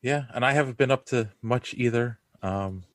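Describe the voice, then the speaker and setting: Recorded over a video call yet sounding studio quality with no room sound, a man in his forties hosts a relaxed podcast conversation. He rambles and laughs a lot, speaking at a moderate pace in a mid-range, fairly bright voice.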